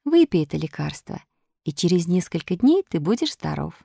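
Storybook: woman playing a kind fairy, gentle, quiet, lively in tone. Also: medium pitch, normal speed, no echo, studio quality. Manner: gentle, soft-spoken, coaxing. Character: kind, patient motherly fairy. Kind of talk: storybook reading.

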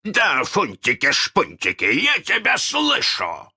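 A man's voice: a little high, huge pitch swings, slow pace, slightly rough, voice pushed up, full character voice. A man voicing a cheeky boy who mimics a pirate captain's voice in a storybook reading, bold and mocking. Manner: mocking, bold, shouting back.

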